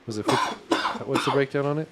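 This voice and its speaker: A man's voice: mid-range voice, fast, very noisy. A man telling stories in casual banter, with a slangy, sweary frat-bro manner, acting out what people said.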